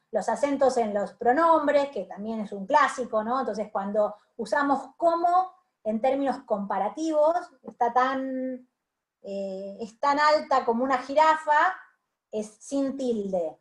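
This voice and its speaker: Fairly high-voiced Rioplatense woman lecturing. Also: animated, a little slow. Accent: Rioplatense Spanish. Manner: hesitant, many fillers and restarts. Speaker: university lecturer. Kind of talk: online class feedback.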